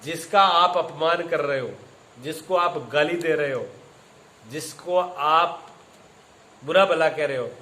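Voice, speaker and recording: A man's voice: fairly high pitch, slow, long pauses, sharp tone, roomy sound, poor audio. A man giving a spiritual discourse as a teacher, telling stories with acted quotes and repeating his phrases.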